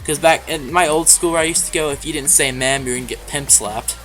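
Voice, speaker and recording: Bright-voiced man telling a profane story. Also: fairly high pitch, quick pace, faint music behind. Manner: offhand and profane, clears his throat often. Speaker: YouTuber. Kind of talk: casual storytelling vlog.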